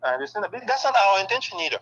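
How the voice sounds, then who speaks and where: A man's voice: high-pitched, very fast, lo-fi sound. A man from Haiti who speaks natively, answering interview questions in a candid, emphatic way and filling his talk with "okay.". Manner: excited, emphatic, peppers speech with "okay".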